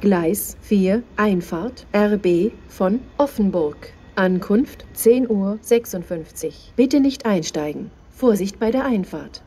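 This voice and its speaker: A woman reading flat, scripted railway platform announcements in measured, separate phrases as a station announcer. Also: mid-range voice, slight background noise.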